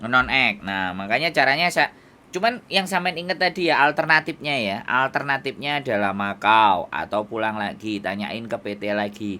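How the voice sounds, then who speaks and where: A man's voice: mid-range voice, expressive, moderate pace, bright, forceful tone. A man with a Javanese accent giving firm advice over a phone call, lecturing and checking if he is understood. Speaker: advisor to migrant workers.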